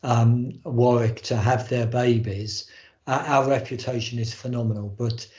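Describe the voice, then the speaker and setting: A man's voice: mid-range voice, little pitch movement, a little slow, a little mellow. A man chairing a formal board meeting on a video call, speaking with frequent hesitant ums. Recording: muffled, roomy video call audio.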